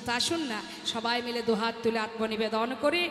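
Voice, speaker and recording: A woman's voice: fairly high pitch, fairly quick, fairly bright tone. A woman kirtan singer preaching and chanting to a crowd, calling the listeners mother and father as she urges them on. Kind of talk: devotional sermon with chanting. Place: large hall at a devotional gathering. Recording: echoey hall with music behind.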